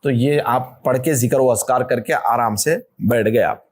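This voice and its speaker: Speaking with a South Indian Hindustani accent, a man runs a marriage workshop framed as an informal religious talk. His medium-pitched, husky voice stays conversational and animated as he teases listeners and acts out quick voices.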